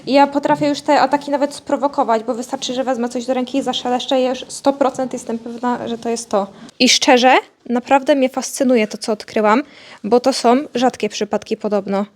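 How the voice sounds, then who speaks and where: A woman's voice: high-pitched, darkish tone. A young woman, chatting casually in her vlog about her pets. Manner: chatty, talks fondly to her animals. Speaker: vlogger.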